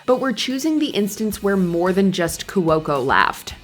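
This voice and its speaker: A woman reading scripted countdown narration in a clear, measured presenter style. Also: mid-range voice, big pitch swings, loud music behind the voice.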